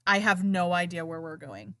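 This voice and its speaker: A woman's voice: lowish voice, moderate pace, fairly bright tone. A woman co-hosting a history podcast, narrating with sarcastic, indignant asides. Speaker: podcast co-host. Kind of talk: casual history podcast chat.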